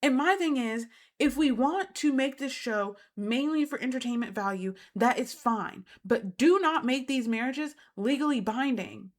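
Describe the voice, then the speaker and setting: A woman with a slightly high voice hosts a reality TV recap. She talks indignantly and emphatically and often repeats her points to drive them home. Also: animated, a little slow. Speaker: host.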